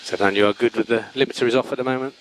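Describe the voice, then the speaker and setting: A man's mid-pitched voice comes over a noisy race car radio with vehicle sound behind it. He is a race engineer feeding the driver clipped instructions, often repeating the key words. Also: fairly even intonation, very fast.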